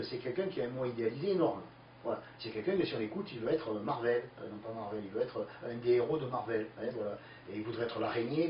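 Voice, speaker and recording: A man answering listener questions in a lively, emphatic explanatory talk full of fillers. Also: mid-range voice. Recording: distant, echoey, dull lo-fi with faint hiss.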